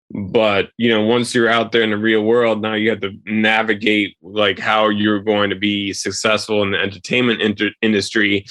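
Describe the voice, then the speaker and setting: A man from Queens, answering as an interview guest in a halting, rambling way with pauses mid-sentence. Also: lowish voice, fairly bright tone, no echo. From Queens, New York.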